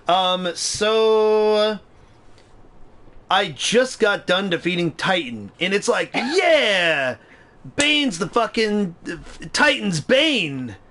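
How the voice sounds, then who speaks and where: A young man streaming a game, chatting casually and excitedly, swearing freely and talking back to the game. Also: sits high, drawn-out words. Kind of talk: casual gaming commentary.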